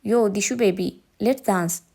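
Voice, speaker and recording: A woman's voice: mid-range voice, normal speed, warm tone, breathy edge. A woman voicing a playful, teasing young man in a romance story, with a slightly raised voice. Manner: teasing, jokey.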